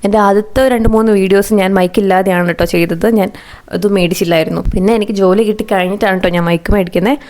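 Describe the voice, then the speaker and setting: A woman's voice: mid-range voice, fairly even intonation, rapid-fire, a little mellow. A young woman, chatting casually as she reviews budget video gear, explaining each item step by step. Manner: chatty, explains step by step, tags sentences with "kettō". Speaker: YouTuber. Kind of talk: casual product review vlog. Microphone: phone camera, plug-in mic at times.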